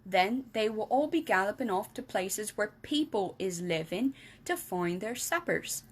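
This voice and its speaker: A woman's voice: expressive, a little slow. A woman doing the BFG, a kindly giant. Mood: explaining. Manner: jumbled grammar, made-up words, booming. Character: big friendly giant, kindly, muddled speech.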